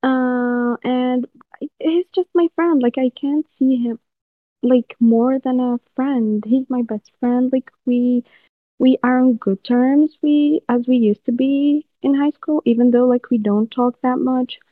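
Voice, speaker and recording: A young woman talks slowly and hesitantly, filling her speech with "like" in a casual discussion. Her voice is somewhat high. The sound is tinny and dry, like a phone line. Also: no room sound. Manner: hesitant, peppered with "like". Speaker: discussion participant.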